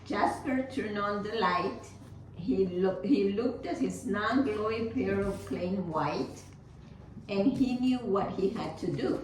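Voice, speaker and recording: A woman reads a children's story aloud at a slow, dramatic pace, now and then tripping on a word. Her voice sits away from the mic in a roomy space, with clear noise behind it. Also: mid-range voice, a little mellow. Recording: roomy, distant mic, noisy background.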